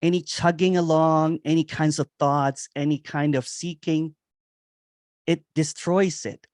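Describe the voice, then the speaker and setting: A man giving a meditative spiritual reflection on nonduality, repeating phrases and chuckling softly now and then. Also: fairly high pitch, little pitch movement, unhurried, no room sound, clean studio sound. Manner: meditative, repetitive, with soft chuckles. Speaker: nonduality speaker. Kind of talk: slow spoken spiritual reflection.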